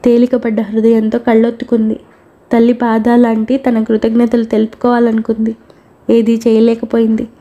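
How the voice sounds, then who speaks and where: A woman reading a novel aloud as a storyteller, with steady, even narration. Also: a little high, normal speed, highs cut off.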